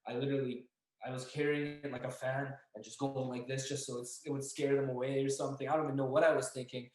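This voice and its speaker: A young man telling a story as a podcast guest, casual and animated, acting out the voices of the people in it. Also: medium pitch, quick pace. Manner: animated, acts out dialogue and yelling. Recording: echoey room.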